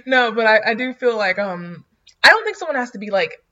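A woman in her twenties co-hosts a podcast, chatting casually and bluntly with lots of fillers and laughs. Her voice is a little high, pushed and bright, with big pitch swings and a slightly fast pace. The audio sounds dull.

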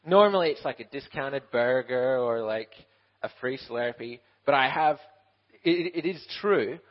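A man in his twenties from a Ukrainian upbringing, now a Bible college student, is interviewed and then preaches on a church stage, joking at his own expense and starting over often. His medium-pitched voice is lively in intonation and a little slow, on a muffled recording.

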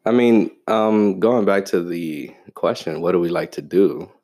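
An easygoing man with a very low voice chats with his wife. He mostly backs her up with short agreeing replies. He takes an occasional turn of his own. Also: unhurried. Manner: relaxed, agreeable, frequent short affirmations. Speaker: co-host, husband. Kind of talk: casual chat.

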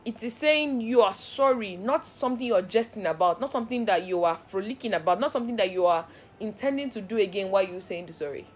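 A woman gives an earnest devotional Bible teaching in a mid-pitched voice. She talks in a heartfelt way and leans on repeated phrases that build into a steady rhythm. A faint hum of room noise sits under her voice. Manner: earnest, heartfelt, repetitive cadences. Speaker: Bible study host.

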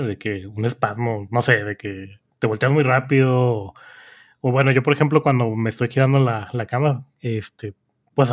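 A man with a Mexican accent, co-hosting a podcast and rambling through stories in a relaxed, slangy way. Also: medium pitch. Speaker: podcast co-host. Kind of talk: casual chat.

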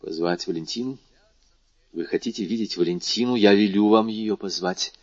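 A man voicing a grave, composed male doctor who speaks in a measured, low, sometimes hushed way. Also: dry recording, close to an everyday voice. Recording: dull dry lo-fi recording.

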